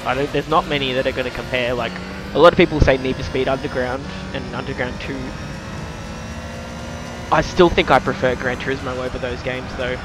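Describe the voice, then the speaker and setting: A higher-voiced Australian man gives casual live-stream commentary on a game. He talks like an everyday Aussie bloke, with slang and mild swearing. Loud game music and car sounds run behind him. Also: fairly even intonation, brisk, poor audio. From New South Wales, Australia. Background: racing game music and car sounds.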